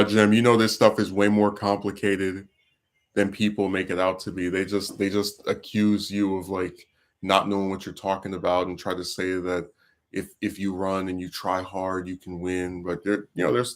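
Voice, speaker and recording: The deep-voiced host of a casual talk stream delivers his political frustrations flatly at a normal speed. His venting rambles, full of fillers and false starts.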